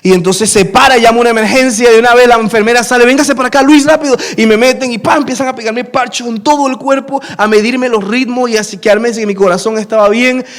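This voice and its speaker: A man's voice: extremely high pitch, steady tone, a little fast, few pauses. A man, preaching a sermon and telling a personal story, acting out the dialogue. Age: 30s. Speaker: pastor.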